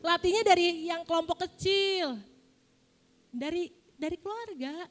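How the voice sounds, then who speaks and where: A young woman giving a casual, lively sermon in a church, often asking the congregation questions. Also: very high-pitched, measured pace. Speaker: preacher.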